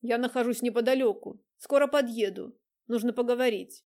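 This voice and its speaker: A woman's voice: a little high, normal speed, darkish tone, close to an everyday voice. Woman voicing a curt cop guy on the phone, businesslike, storybook. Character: brisk male police investigator, businesslike.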